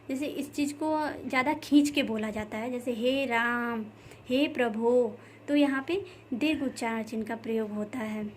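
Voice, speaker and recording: Woman grammar teacher, fairly high voice, repeats herself, faint background hiss. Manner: repeats terms, many fillers. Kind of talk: explaining lesson over slides.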